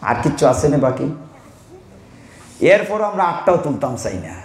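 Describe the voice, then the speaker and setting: A preacher speaks to a devotional gathering, his man's voice sitting somewhat high. He teases his listeners with folksy asides and recites scripture slowly. The room around him is echoey. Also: big pitch swings. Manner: teasing, folksy preaching with slow Sanskrit recitation. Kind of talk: devotional sermon. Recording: roomy hall echo.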